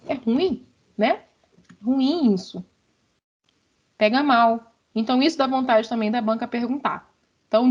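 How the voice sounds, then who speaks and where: A woman's voice: on the high side, dull audio. A Brazilian woman professor with a Brazilian Portuguese accent, giving students casual, emphatic advice in an online class. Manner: fast, emphatic, lots of slang fillers.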